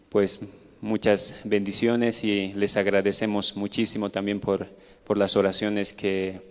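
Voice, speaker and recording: A man gives a church testimony, hesitant and pausing often. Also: fairly low pitch, darkish tone, clean tone. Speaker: church missionary giving testimony. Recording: echoey hall with long reverb.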